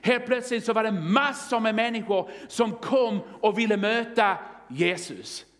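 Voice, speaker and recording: Male preacher, fervent storytelling style, slightly high voice, long hall reverb. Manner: storytelling, exclaims halleluja, rises to excited testimony. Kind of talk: sermon.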